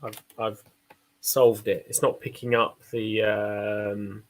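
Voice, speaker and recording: A man hosts a casual online community Q&A, reading out audience questions and rambling in a self-deprecating way, often repeating his phrases. He speaks slowly in a low voice with little pitch movement, and the recording quality is poor.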